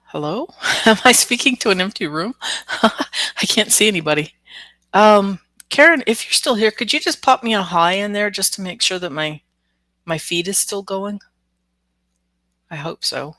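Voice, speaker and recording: An oracle card reader on a live stream sounds nasal and stuffed up from flu, yet she's animated and chatty, greeting viewers by name and laughing often. Her mid-range voice is pushed and bright, a little slow with many pauses, and the recording has no room sound.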